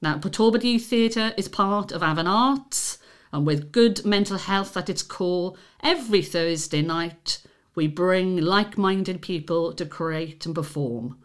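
Female podcast presenter and interviewer, a little on the low side. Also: unhurried. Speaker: podcast host.

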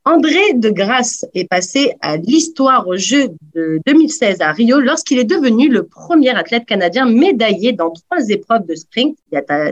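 Higher-voiced playful woman quiz host. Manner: playful, teasing. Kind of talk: radio quiz hosting.

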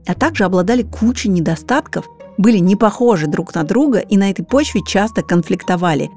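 A woman's voice: medium pitch, lively intonation, brisk, darkish tone. A woman giving explanatory, scripted documentary narration. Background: background music.

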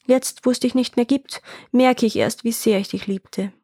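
A woman reading as gentle young Veikko. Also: on the high side, steady tone, moderate pace, no echo, clean studio sound. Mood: tearful. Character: gentle kind-hearted young peasant man Veikko.

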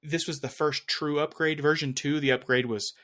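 This man's slightly bright voice runs on the high side, with fairly even intonation and a normal pace. As a tech podcast co-host in casual conversation, he wanders a little, pauses, and keeps revising what he says while looking for words.

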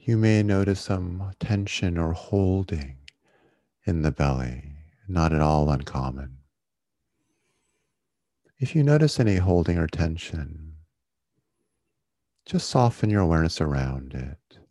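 A man leading a guided meditation in a soothing, gentle, unhurried manner, like a yoga teacher. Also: low-pitched, lively intonation, no room sound. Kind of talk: guided body-scan meditation.

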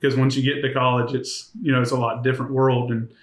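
A man's voice: medium pitch, flat delivery, fast. A 21-year-old man on church ministry staff, speaking hesitantly with many ums and uhs on a podcast. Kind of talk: casual podcast conversation. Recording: echoey room.

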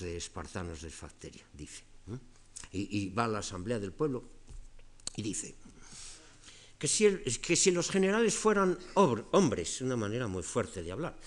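An older man from Spain with a Castilian accent, giving an academic lecture and tagging nearly every phrase with a questioning "eh" or "no.". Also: fairly low pitch. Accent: Castilian Spanish. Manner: digressive, tags phrases with frequent "eh" and "no". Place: lecture hall.

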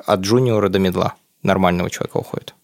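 Very fast-talking, slangy male interviewer. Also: sits low, fairly even intonation, creaky, a little mellow. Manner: informal, probing. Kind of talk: casual slangy interview chat.

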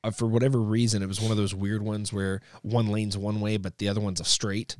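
A man with a lowish voice and little pitch movement talks a little fast, with no room sound. He's a podcast co-host in casual conversation, telling stories in a rambling, self-correcting way.

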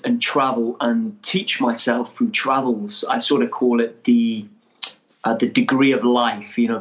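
A Welsh man in his twenties, a guest explorer chatting in an interview, upbeat and quick to laugh. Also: mid-range voice, lo-fi sound. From North Wales. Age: 20s. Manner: energetic, chatty, laughs easily. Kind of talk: casual interview chat.

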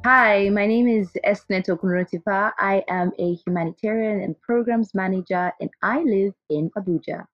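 A woman's voice: mid-range voice, normal speed, few pauses, dry recording, highs cut off. A woman from Zimbabwe, a guest in an interview, talking candidly and restarting her sentences. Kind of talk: conversational interview.

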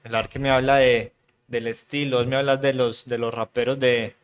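A man from Medellín with a paisa accent, hosting a casual interview in a relaxed, chatty manner. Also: mid-range voice, normal speed, clear, resonant tone. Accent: Medellín Colombian (paisa). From Medellín, Colombia. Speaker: host.

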